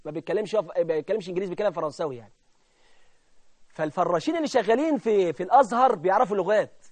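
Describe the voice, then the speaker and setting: A man's voice: very fast, no room sound. Egyptian accent, man, fervent preacher, dry close sound. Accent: Egyptian Arabic. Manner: fervent, swinging between hushed asides and loud high climaxes. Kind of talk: sermon.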